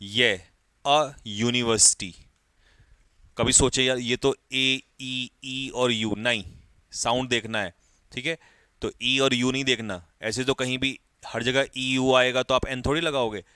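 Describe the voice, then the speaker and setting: A man's voice: medium pitch, fairly even intonation, measured pace, pushed and bright, clear, resonant tone, dry recording. A man teaching an English grammar lesson to exam students, calling out examples and quizzing the class.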